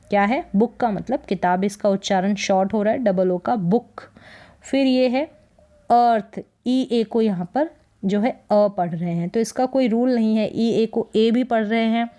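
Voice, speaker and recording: A woman runs a slow, patient spelling lesson. She takes her time over every word and repeats it. She keeps asking "what is it?" to check the listener is following. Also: medium pitch, darkish tone. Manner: patient, repeats each word and asks "kya hai?". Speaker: English teacher.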